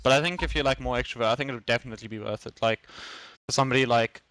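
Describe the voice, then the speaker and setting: Here the same young South African esports player talks loosely on a podcast, stumbling, repeating himself and using slang. His mid-range voice races along with a slight brightness, over a faint hiss or hum.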